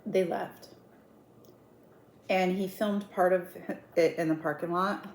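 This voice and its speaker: A woman pitched on the low side, her intonation fairly even and her tone slightly mellow, narrates slowly in an eat-with-me video. Her casual retelling is dramatic, performing quoted dialogue and repeating words for emphasis. Echo fills the room, with clear background noise.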